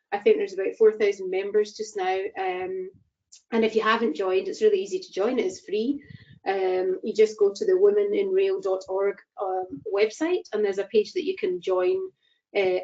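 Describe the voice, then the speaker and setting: Mellow-voiced Scottish woman. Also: medium pitch. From Scotland. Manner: friendly, chatty with ums. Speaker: chair of a professional network. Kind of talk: short introductory talk. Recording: dull lo-fi call audio.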